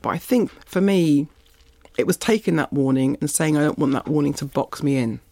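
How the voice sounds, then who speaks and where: Recorded dry, a middle-aged woman, Barbadian by origin and brought up in East London, reflects on her childhood as an interview guest in a conversational storytelling style. She speaks at a normal speed in a low, slightly mellow voice.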